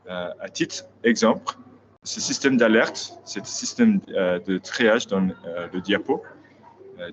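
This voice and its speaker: Australian man with halting, accented French, slow. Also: mid-range voice. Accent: Australian, foreign accent in French. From Australia, Sydney. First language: English. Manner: halting, hesitant non-native French. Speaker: veterinary specialist, conference speaker. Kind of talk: prepared lecture presentation. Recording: dull lo-fi web audio, faint noise.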